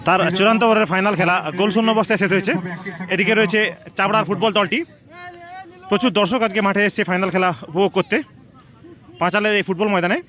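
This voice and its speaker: Fast, excited man commentating football. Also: sits high. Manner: excited, announcer-like, repeats phrases. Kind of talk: excited live football commentary of a penalty shootout. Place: outdoors at a football ground.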